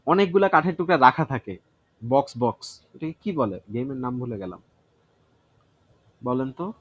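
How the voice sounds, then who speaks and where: A man's voice: medium pitch, expressive, normal speed, muffled recording. Man explaining vocabulary aloud. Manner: thinks aloud, self-testing word by word; mixes English words into Bengali explanations. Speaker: vocabulary teacher. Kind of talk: casual vocabulary study session.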